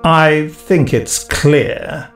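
A man voicing a smug politician in a story, giving a measured, statesmanlike victory speech. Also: fairly high pitch, reverberant, faint music behind, voice pushed up. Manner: measured, self-important oratory.

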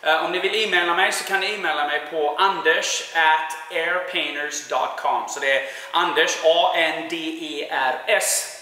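In a large indoor warehouse full of echo and long reverb, a lapel mic picks up a Swedish man in his forties who works as a painting contractor. Speaking with a Swedish accent and a slightly high voice, he answers interview questions in a relaxed style with lots of filler sounds.

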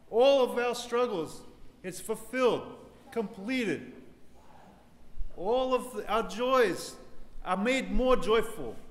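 A man in his thirties, a priest, giving an earnest sermon in a large church, unhurried, building to joyful emphasis. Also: high-pitched. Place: large ornate church with congregation. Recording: echoey church hall, reverb, faint ambience.

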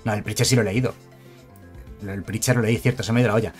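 A man's voice: fairly low pitch, fairly even intonation, fast, soft background music. Chatty streamer man rambling. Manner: rambling, chatty, full of asides and self-corrections. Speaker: card game streamer. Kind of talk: casual live card commentary.

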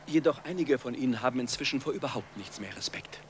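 An actor playing a football club official who gives a composed statement in a measured, official way, in dubbed film dialogue. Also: male voice, medium pitch, slight background noise, lightly acted.

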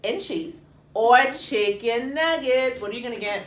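A woman teacher co-hosts a school morning news show, giving students the date, the weather and the lunch menu. She sounds friendly and upbeat, and her voice sits a little high. The room has a strong echo. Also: normal speed. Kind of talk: school announcements. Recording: echoey room.

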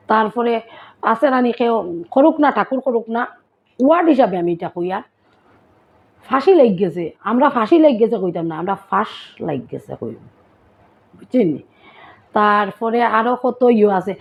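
A woman speaking with a Sylheti accent talks through a casual vlog, patiently explaining words and asking her audience if they follow. Her voice sits a little high. The sound is thin and tinny, like a phone line. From Sylhet, Bangladesh. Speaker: vlogger.

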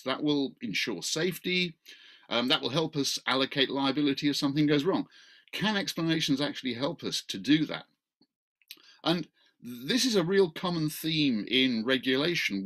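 Over a video call, the event chair, a middle-aged law professor, gives a wry, casual introduction to an online talk. He has a mid-range, slightly bright voice, and his computer microphone captures him from a small book-lined room at home, indoors.

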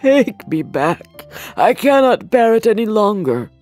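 A woman's voice: medium pitch, sing-song, a little slow, dry recording, soft background music, voice pushed up. A woman doing Scrooge, a pleading old miser. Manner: loud, pleading.

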